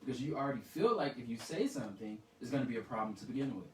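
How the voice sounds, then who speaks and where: A man's voice: mid-range voice, rapid-fire. A man co-hosting a podcast, arguing his point emphatically in a heated casual discussion. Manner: emphatic, argumentative, animated quoting of others. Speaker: podcast co-host. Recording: echoey room, far from mic, faint noise.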